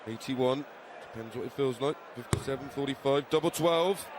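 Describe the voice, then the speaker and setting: A man's voice: medium pitch, moderate pace. A man giving conversational analysis as co-commentator on live darts. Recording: clear crowd and venue noise behind.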